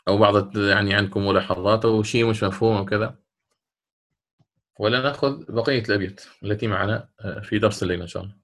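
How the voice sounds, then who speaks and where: A middle-aged man teaching Quran recitation rules, explaining a poem step by step and slowing to chant the quoted verses. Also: lowish voice, fairly even intonation, fairly bright tone. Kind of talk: classroom lesson explaining a didactic poem.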